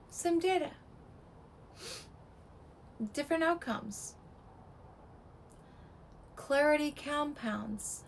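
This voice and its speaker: A woman delivers a real estate breakdown in short, clipped fragments at an unhurried, deliberate pace. Her voice sits fairly high and sounds strained, as if it is giving out, with faint noise in the background. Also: low-quality recording. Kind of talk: scripted market breakdown.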